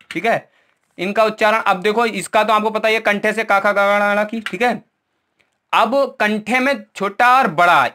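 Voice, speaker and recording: High bright-voiced male Hindi teacher. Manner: repeats "ठीक है" often, asks questions and answers them himself; points at a board, with memory tricks. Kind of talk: exam-prep lesson.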